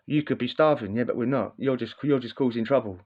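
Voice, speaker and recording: A man's voice: mid-range voice, fast. A man telling a casual story in a slangy, rambling way, often repeating himself. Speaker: vlogger. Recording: slightly dull lo-fi audio.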